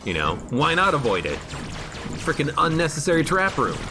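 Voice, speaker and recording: A man's voice: fairly high pitch, wildly swooping pitch, normal speed. A man streaming a video game, rambling jokily through casual commentary and reading chat aloud. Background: game music.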